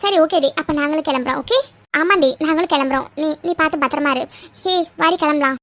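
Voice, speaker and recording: A woman voicing the heroine's calm young friend in a cartoon dub, coaxing and soothing. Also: high-pitched, quick pace.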